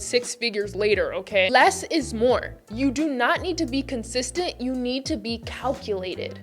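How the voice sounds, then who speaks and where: A woman YouTube coach giving sassy, emphatic advice straight to camera. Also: on the high side. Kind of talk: direct-to-camera vlog advice.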